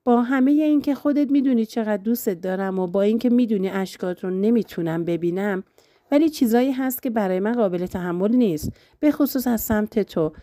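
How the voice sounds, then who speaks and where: Female narrator voicing loving husband; teasing, firm, warm-spirited, dry close recording. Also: a little high, no echo, pitched above the performer's own voice, lightly acted. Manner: gentle but firm, playful. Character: affectionate teasing young husband.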